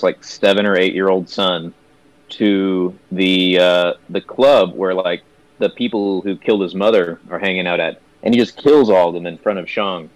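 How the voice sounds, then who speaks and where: A young man with a low voice in a casual movie review chat, rambling and restarting his sentences often. The recording is close and dry, with hardly any room sound. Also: no echo, poor audio. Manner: rambling, many fillers and restarts. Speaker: movie review podcast co-host.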